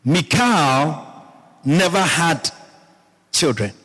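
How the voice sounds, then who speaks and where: Male pastor, slightly high voice, preaching in a conversational, questioning way, with long church-hall reverb. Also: expressive, very slow, a bit bright, slightly rough. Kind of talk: sermon.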